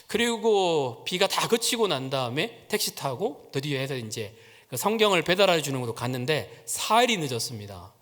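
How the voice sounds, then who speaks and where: In a church sanctuary full of long, echoing reverb, a pastor delivers a sermon, sharing a personal story and performing the voices he quotes. His voice is slightly high with a fairly bright tone.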